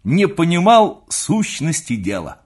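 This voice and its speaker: A man reading aloud, voicing an excitable young nephew who pleads and teases in a raised, eager voice. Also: measured pace, full character voice. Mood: excited. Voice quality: eager, pleading, high-strung. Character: excitable young man, teasing his uncle.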